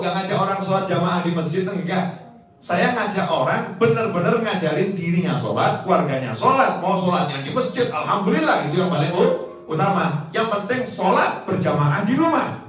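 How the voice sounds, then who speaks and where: A middle-aged man preaching a lively sermon to a congregation, with playful, joking asides to his listeners. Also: fairly high pitch. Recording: echoey hall from far off, faint music.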